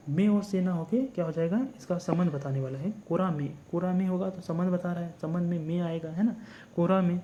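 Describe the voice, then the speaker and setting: A man's voice: sits high, mellow, a little hiss or hum. A man teaching an exam class, thinking aloud and repeating answers as he asks the class. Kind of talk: explaining a mock test.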